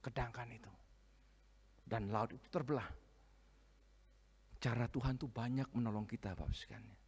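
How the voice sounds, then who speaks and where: A man preaching a sermon, swinging from soft asides to loud, emphatic reading of scripture. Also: mid-range voice, moderate pace, slightly rough. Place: church hall, live-streamed service. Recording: long reverb of a church hall.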